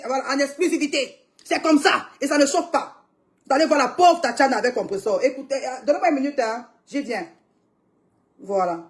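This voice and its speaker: A young woman commenting emphatically on a live stream, urging viewers to watch, with frequent cries to God. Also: high voice. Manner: exclamatory, calling on God.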